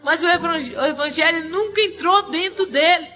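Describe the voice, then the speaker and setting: A woman quoting a solemn, stern male divine voice, speaking slowly and gravely. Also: very high-pitched, pushed and bright. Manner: slow, grave, final.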